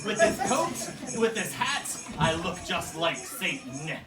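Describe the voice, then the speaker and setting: A man's voice: high voice, big pitch swings, slow pace, loud music behind the voice, full character voice. A man voicing a mean, scheming, gloating Grinch as a theatrical villain in a rhyming satirical puppet show. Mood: gleeful. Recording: noisy, echoey room, far from mic.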